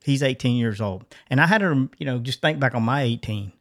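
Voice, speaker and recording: A middle-aged man at an ordinary pitch talks through a personal story on a podcast. He is earnest and informal, often stopping and restarting his sentences as he thinks aloud. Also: lively intonation, a little fast. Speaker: podcast co-host. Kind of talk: casual chat, personal story.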